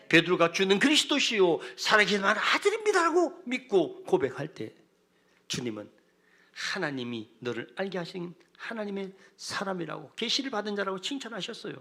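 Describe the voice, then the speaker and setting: Male pastor, fervent sermon, high voice that swings widely. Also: sharp tone. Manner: impassioned preaching, acting out quoted cries. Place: church sanctuary.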